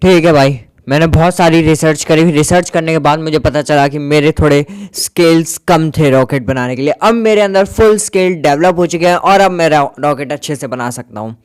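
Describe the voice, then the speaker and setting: A man with a high, smooth and resonant voice chats through his gameplay as a casual commentator. He grumbles and jokes in a playful banter and slips English words in here and there. The sound is close and dry, with no room around him. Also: normal speed, no echo. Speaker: gaming YouTuber.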